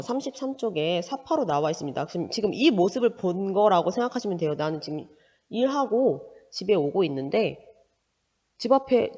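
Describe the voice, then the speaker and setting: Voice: mid-range voice, a little mellow. A teacher reads a short story aloud and stops often to explain it, asking the listener little questions along the way. The sound is dull and lo-fi, and a long reverb trails after each phrase. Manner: explains with frequent rhetorical check-in questions. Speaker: Korean language teacher.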